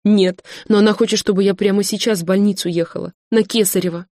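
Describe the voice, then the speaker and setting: A woman's voice: medium pitch, steady tone, quick pace, a little mellow, no room sound, studio quality, lightly acted. A woman voicing a frightened young pregnant woman who speaks tearfully and pleadingly, in an audiobook reading. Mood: distraught.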